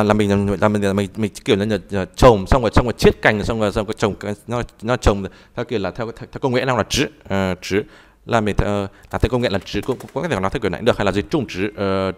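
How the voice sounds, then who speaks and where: A man teaching a live online language class, talking haltingly and repeating words as he types and explains. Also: on the low side. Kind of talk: live online tutoring session.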